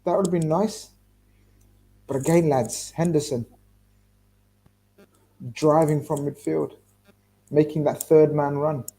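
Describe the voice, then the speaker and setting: A man hosts a live football watchalong in a husky, slightly dark voice. He mixes running commentary with casual chat and reacts out loud to the play, swearing freely. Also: a little high, steady tone, takes it slowly, pauses often, rough recording.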